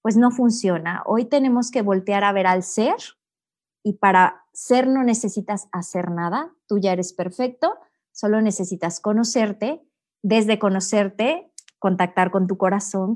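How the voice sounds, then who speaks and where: A middle-aged woman speaking as a guest, explaining in a calm, teacherly way and often tagging her points with a questioning "no?". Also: medium pitch. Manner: calm, teacherly, with many "¿no?" tags. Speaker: guest, personal growth coach. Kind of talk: reflective interview talk.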